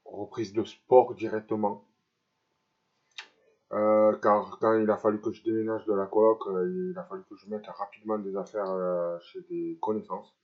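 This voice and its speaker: A man talks haltingly in a personal vlog, his speech slightly impeded by dental braces. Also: fairly low pitch, muffled recording. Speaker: vlogger. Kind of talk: personal vlog confession to camera.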